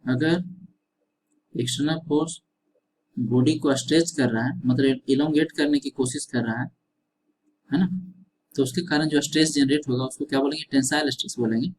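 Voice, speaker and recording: A man's voice: mid-range voice, fairly even intonation, normal speed, long pauses, a little mellow, slight background noise, rough recording. Man lecturing, questions and answers himself. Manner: repeats questions and answers, frequent tag "है ना". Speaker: engineering teacher. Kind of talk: classroom lecture.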